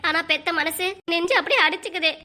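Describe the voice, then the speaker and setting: A woman's voice: very high-pitched, fast talker, sharp tone, heavily acted. A woman voicing a middle-aged village mother in a cartoon, pleading and lamenting in a Kanyakumari Tamil accent. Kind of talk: cartoon voice acting.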